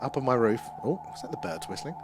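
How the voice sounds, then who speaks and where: Speaking fast and very animatedly in a medium-pitched voice, this Essex-accented man hosts a casual livestream amid background noise. He sits in a small room at home, rambling and running himself down as he reacts to comments from viewers.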